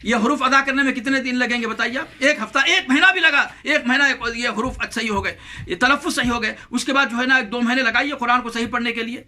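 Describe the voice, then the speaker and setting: High, bright-voiced scolding preacher man. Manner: scolding, exhorting, repeats phrases for emphasis; recites Quranic verses slowly and melodically. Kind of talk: Ramadan sermon.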